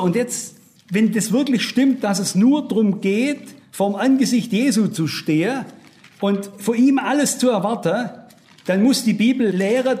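Guy preaching, high voice, really earnest, keeps talking right at the congregation. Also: darkish tone. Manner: earnest, emphatic, speaks straight to the listeners. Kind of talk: sermon.

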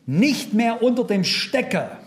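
A man's voice: high voice, big pitch swings, takes it slowly. A man preaching a sermon to his congregation, asking them many rhetorical questions and quoting Bible verses. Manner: quotes and reads Bible verses aloud.

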